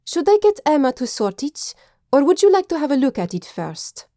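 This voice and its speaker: A woman's voice: sits high, sing-song, moderate pace, dark tone, dry recording, studio quality, pitched above the performer's own voice. A woman voicing a polite, eager French woman who manages a dress shop, with a French accent.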